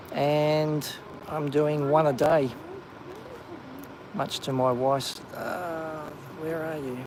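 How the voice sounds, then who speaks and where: A man casually hosting a live walking stream on a coastal clifftop, chatty with plenty of ums and excited whenever he spots something. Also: fairly high pitch, noisy background. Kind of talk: live walking vlog commentary. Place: outdoors on a coastal clifftop walk.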